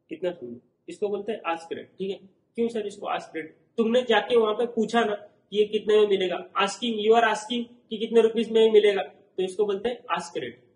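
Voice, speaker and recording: A man's voice: high voice, echoey room, poor audio. A man with an Indian accent teaching a recorded lecture, explaining with everyday examples and checking that the class follows.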